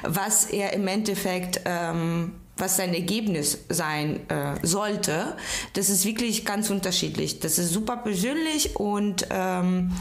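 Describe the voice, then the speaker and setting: A woman's voice: fairly low pitch, slow, roomy sound. A woman from Ukraine, a stylist guest on a podcast, speaking hesitantly with many fillers as she searches for words. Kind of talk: casual interview.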